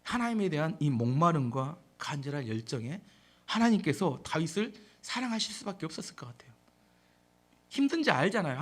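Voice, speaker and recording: A male pastor preaching a sermon, swinging from hushed, quiet asides to passionate, near-shouted appeals. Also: fairly high pitch, husky.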